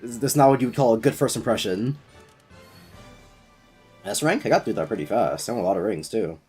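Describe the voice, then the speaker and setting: A man's voice: lowish voice, brisk, a little mellow, soft background music. A young man giving casual, sweary game commentary in a sardonic, griping manner. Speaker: gaming streamer.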